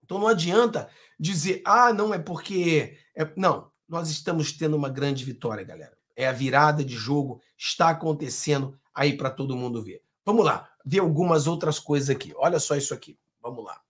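A man's voice: fairly high pitch, expressive, fairly quick, few pauses. A man from Brazil giving combative, sarcastic political commentary over video clips.

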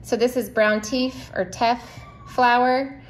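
A woman's voice: on the high side, steady tone, slow, a little hiss or hum, low-quality recording. Chatty woman doing a home haul. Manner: chatty, rambling, many small asides. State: slightly out of breath. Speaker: vlogger. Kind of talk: casual grocery haul vlog.

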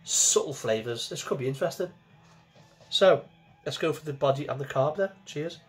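A man's voice: on the high side, animated, moderate pace, breathy edge, soft background music. A man in his forties, talking casually to camera from a small home kitchen as he reviews a beer, chatty and repeating himself as he goes.

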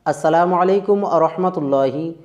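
A Quran recitation teacher giving a tajweed pronunciation lesson, explaining slowly and drawing out recited words to demonstrate them. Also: medium pitch, a little mellow. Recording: roomy, dull lo-fi recording.

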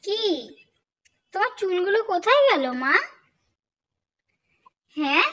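A woman's voice: very high voice, expressive, slow pace, a bit bright, a little hiss or hum. A young mother teasing and coaxing her baby in playful, sing-song baby talk.

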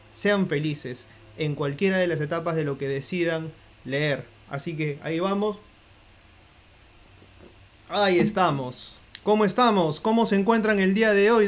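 A man with a Peruvian accent hosting a live book stream, talking to his viewers in a playful, theatrical way. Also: high-pitched. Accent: Peruvian Spanish. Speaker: host of a live book podcast. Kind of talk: live-stream casual chat.

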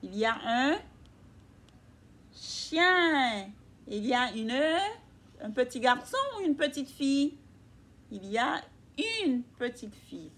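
A woman's voice: on the high side, expressive, slow pace, long pauses, a bit bright. A woman teacher reading a picture book aloud to young children, patiently asking them questions. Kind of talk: children's read-aloud lesson.

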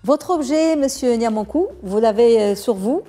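A woman's voice: a little high, expressive, moderate pace, over music. A woman hosting a TV interview, steering her guest with short prompts and follow-up questions. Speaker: TV interview host.

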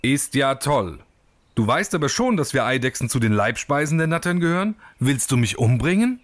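A man voicing a clever young male emerald lizard in an animated storybook film, talking in a wry, sensible way. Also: mid-range voice, moderate pace, no echo, natural voice.

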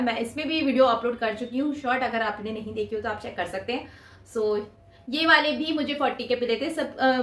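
Chatting to camera about a shopping haul, a woman in her twenties holds up the items she bought. Her voice is on the high side, and the small indoor space gives it a reverberant sound.

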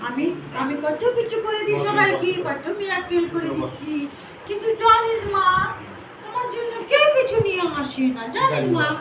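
A woman's voice: extremely high pitch, lively intonation, moderate pace. A woman speaking in a trance-like manner as the goddess, scolding and commanding her devotees and calling each of them her child. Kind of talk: trance-like divine address. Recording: echoey room, distant mic, background noise.

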